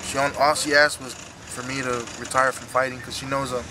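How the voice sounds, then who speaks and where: A man in his thirties speaking emotionally and haltingly in an earnest, unscripted post-fight interview as a retiring fighter. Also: mid-range voice, level tone, background noise. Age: 30s. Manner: halting, earnest, repeats himself.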